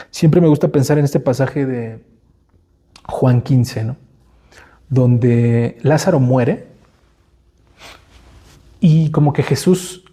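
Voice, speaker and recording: A man's voice: medium pitch, dark tone. A middle-aged man with a Mexican Spanish accent preaching a sermon in a conversational way, with frequent asides and tag questions, acting out quoted dialogue in a playful voice. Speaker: pastor.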